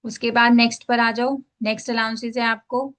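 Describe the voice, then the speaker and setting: A woman's voice: a little high, level tone, brisk, fairly bright tone. A woman teacher walking students through a tax filing form step by step, mixing English phrases into Hindi and checking in often. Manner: explains step by step, repeats "ठीक है" to check in. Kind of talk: screen-share tax filing lesson.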